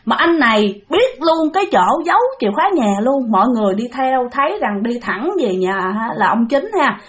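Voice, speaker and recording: A woman with a Southern Vietnamese accent tells a ghost story casually, her fairly high voice animated and a little fast. She's chatty, speaks straight to her listeners, and uses many fillers.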